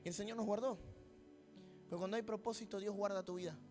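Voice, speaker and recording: A man's voice: high voice, steady tone, fast talker, over music. A man preaching a sermon with a Rioplatense accent, mixing a personal story with humorous asides and acting out voices. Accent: Rioplatense Spanish. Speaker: pastor.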